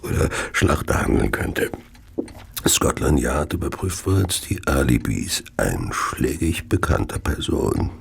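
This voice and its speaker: A man playing a gloating, well-to-do Victorian serial killer in a radio play, speaking in a slow, savouring, theatrical way with a gravelly, husky voice. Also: very deep voice, big pitch swings, a little hiss or hum, heavily acted. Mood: savouring, mocking. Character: gloating, arsenic-addicted Victorian serial killer, wealthy gentleman. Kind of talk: German radio play monologue and narration.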